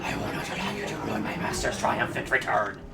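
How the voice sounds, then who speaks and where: A man's voice: mid-range voice, sing-song, fairly quick, creaky, pitched below the performer's own voice. A man voicing a menacing spider queen villain from a video game, with theatrical villain menace. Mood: haughty menace. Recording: distant, echoey room with noise.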